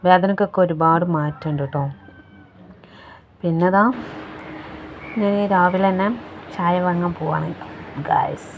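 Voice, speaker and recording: A woman's voice: fairly low pitch, fairly even intonation, measured pace, creaky, long pauses, a little hiss or hum. Chatty vlogging mother. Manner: chatty, keeps adding tag words like "you know". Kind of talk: casual vlog narration. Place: hospital room.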